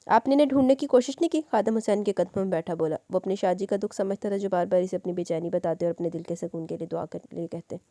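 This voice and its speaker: A woman narrating a romance novel as an audiobook, reading in a quick, even storytelling way. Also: lowish voice, no echo, clean studio sound.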